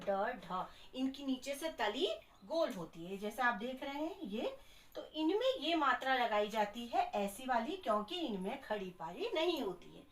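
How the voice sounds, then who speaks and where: A woman teaching children Hindi spelling in a classroom lesson, slowly sounding out each letter step by step. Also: a little high, a bit bright, distant mic, a little hiss or hum. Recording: echoey room, voice from off mic.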